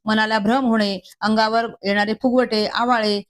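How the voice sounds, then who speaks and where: A woman's voice: on the high side, little pitch movement, moderate pace. A woman reading a devotional text aloud, moving steadily through a long list with small slips and restarts. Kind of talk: reading a Marathi scripture commentary aloud.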